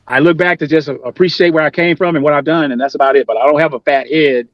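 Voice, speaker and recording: A man heard over a video call tells his stories in an emphatic, plain-spoken way. His voice sits slightly high. The call line is muffled and dry. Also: fairly even intonation, fast, dry recording. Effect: remote video call audio. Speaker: musician guest. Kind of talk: casual interview storytelling. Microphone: computer mic on a video call.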